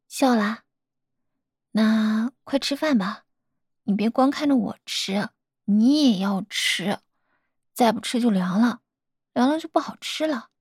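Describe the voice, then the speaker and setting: A woman's voice: on the high side, a little slow, darkish tone, breathy edge, no room sound, clean studio sound. A young woman in a girlfriend role-play, talking tenderly, coaxing and teasing a partner.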